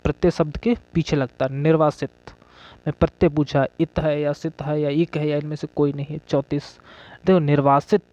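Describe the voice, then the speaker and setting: A man's voice: fairly high pitch, flat delivery, moderate pace, mellow, no room sound. A man teaching an exam-prep grammar lesson, asking questions and then answering them himself, checking in with "okay" again and again. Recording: dull lo-fi audio.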